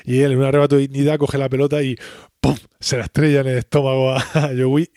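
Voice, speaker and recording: A man's voice: mid-range voice, no echo, clean studio sound. A man, retelling a sitcom episode in casual chat and acting out the characters' lines. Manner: animated storyteller, acts out characters' lines in quick voices. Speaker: podcast host recapping a sitcom episode.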